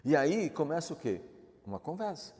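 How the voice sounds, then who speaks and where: Male pastor, Brazilian accent, animated chatty sermon, long church reverb. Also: a little high, normal speed. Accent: Brazilian Portuguese. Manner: conversational, asks the audience questions.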